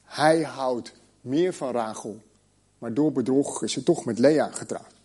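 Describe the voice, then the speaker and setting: Husky Dutch-speaking preacher man. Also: mid-range voice, warm tone. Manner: pausing slowly on key words. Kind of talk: sermon with scripture reading.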